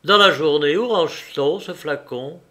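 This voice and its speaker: A man playing a sharp, commanding gentleman thief. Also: fairly high pitch, moderate pace. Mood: urgent. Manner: sharp, urgent questioning.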